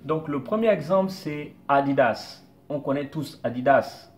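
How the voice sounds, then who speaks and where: Guy doing a motivational business talk, keeps going "donc" and repeating himself, soft guitar in the back. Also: on the high side, a little slow. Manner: explanatory, repeats points with "donc". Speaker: business coach.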